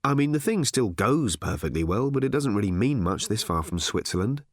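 Audiobook role: male reader playing well-meaning, out-of-his-depth father, mild and halting, lively intonation, very dry sound. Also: fairly low pitch, dry recording. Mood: explaining mildly. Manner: hesitant, stammering, mild. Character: bewildered, well-meaning, awkward father of a teenage girl.

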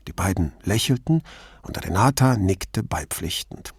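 A man narrating an audiobook in an expressive, scripted reading on a close microphone. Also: sits low, a little slow, gravelly, breathy edge, dry recording.

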